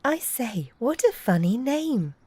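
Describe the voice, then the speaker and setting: Curious young girl, lifted high, warm and eager, as a woman reading puts her on. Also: very animated, slow pace, breathy edge, dry recording, full character voice. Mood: chatty. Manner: chatty and eager.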